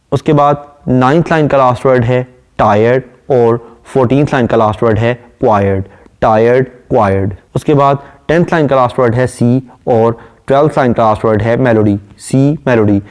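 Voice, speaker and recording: A man giving a literature lecture, reading quoted English verse slowly and then explaining each line. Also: mid-range voice, a little mellow.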